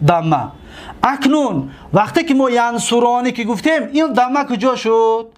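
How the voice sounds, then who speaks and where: Male teacher, higher register, methodical and repetitive classroom delivery. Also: lively intonation. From Tajikistan. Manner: explains step by step, repeats terms, asks students questions. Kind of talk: classroom grammar lesson.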